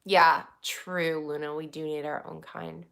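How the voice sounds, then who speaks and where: Low-voiced woman chatting casually. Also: level tone, measured pace, vocal fry, a bit bright, clear, resonant tone. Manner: rambling, swears freely, laughs often. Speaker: YouTuber. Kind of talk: casual livestream chat.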